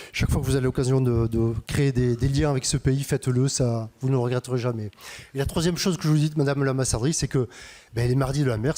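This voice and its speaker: Mellow, hesitant academic. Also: male voice, medium pitch. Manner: hesitant, many pauses and fillers. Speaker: university vice-rector. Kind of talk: welcome address.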